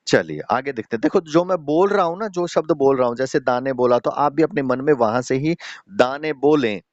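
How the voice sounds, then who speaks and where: Guy teaching an online class, slow patient explaining, dull dry audio, medium pitch. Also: no room sound. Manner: explains slowly, often checks in with "ठीक है"; addresses students directly, asks questions. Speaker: Sanskrit teacher.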